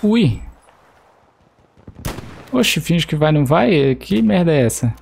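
With a fairly high, sing-song voice full of vocal fry and a darkish tone, a young Brazilian streamer speaks slowly in a Brazilian Portuguese accent. He jokes and swears with his teammates during live play as the game murmurs faintly behind him.

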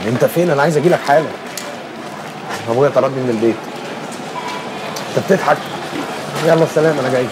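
A man's voice: mid-range voice, quick pace, long pauses, lightly acted. A man playing an upset young Egyptian man. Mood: urgent. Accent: Egyptian Arabic. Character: young man thrown out of home. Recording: outdoor street noise.

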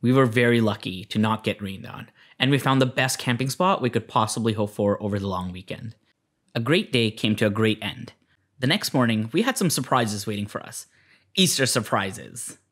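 A man's voice: on the low side, lively intonation, normal speed, a bit bright. A man reading a scripted, upbeat voice-over narration for a travel video. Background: music.

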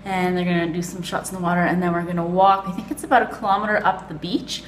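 Speaking quickly in a fairly low, steady voice, a young adult travel vlogger from Canada rambles cheerfully through a chatty holiday video, dropping plenty of "um"s and "like"s. She films herself in a hotel room on a phone held at arm's length, and the rough recording picks up slight background noise.

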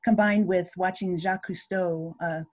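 An older woman on a video call panel, talking from a room at home. She explains at length, pausing often on filler sounds, in a fairly low voice. Her speech is halting but steady. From Hawaii. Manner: hesitant, many filler sounds.

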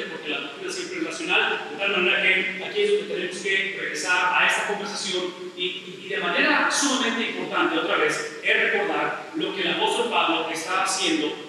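A man's voice: high-pitched, bright, forceful tone. A middle-aged man pastor preaching a sermon, stressing points by repeating phrases and asking the congregation rhetorical questions. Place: church sanctuary. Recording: very echoey church hall, voice from far off, faint noise.

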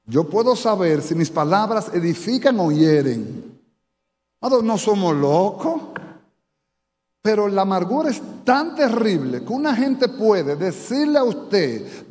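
A man's voice: sits high, a little mellow. A Dominican man with a Dominican Spanish accent, preaching a sermon as pastor to a live congregation, asking them questions. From Dominican Republic. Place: church sanctuary. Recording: church hall reverb.

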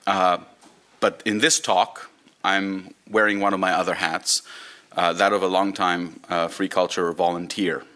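Low-pitched and sharp in tone, this Hebrew-speaking man from Israel in his thirties talks with a flat delivery at a measured pace. He's a volunteer digital librarian giving an informal, wry conference talk with some storytelling, standing at a lectern in a conference room.

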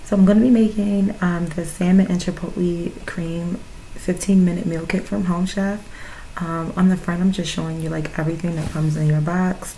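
A woman's voice: lowish voice, creaky, warm tone, a little hiss or hum, low-quality recording. A woman in her thirties chatting casually on her home cooking vlog, with many fillers. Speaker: vlogger. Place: home living room, indoors.

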